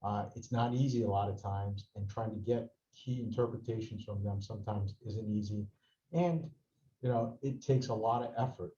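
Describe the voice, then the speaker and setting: A man's voice: fairly low pitch, normal speed, far from the mic. Man's voice breaking up on a call. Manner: steady, repeats points for emphasis. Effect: voice cutting in and out on a video call. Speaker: mayor. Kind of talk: webinar presentation. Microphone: computer or handheld mic on a video call. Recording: dull, roomy video call audio.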